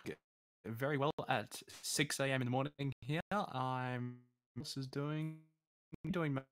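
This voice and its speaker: A man, a podcast guest, talking in halting casual chat over a computer voice call that gives his voice a metallic, robotic sound. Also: medium pitch, fairly even intonation, no echo.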